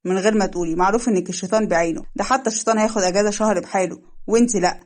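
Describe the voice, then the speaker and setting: A woman's voice: medium pitch, fairly even intonation, very fast, darkish tone, close to an everyday voice. A woman with an Egyptian accent voicing a domineering young husband in a wheelchair who protects his wife, speaking in a stern, commanding way.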